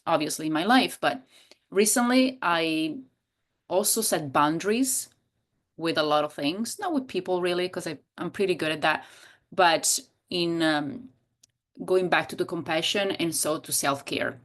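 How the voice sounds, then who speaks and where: As a guest in a relaxed interview, this Italian-accented coach and hypnotherapist in her thirties from Italy talks expressively, sometimes searching for the right word. Her lowish voice has lively intonation, a moderate pace and a bit of brightness.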